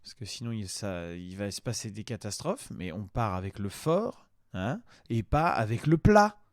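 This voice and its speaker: A man's voice: lowish voice, expressive, normal speed, no echo. Sarcastic man, dry close sound. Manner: sarcastic, exasperated, crude. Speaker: host reacting to videos. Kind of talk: casual mocking live commentary.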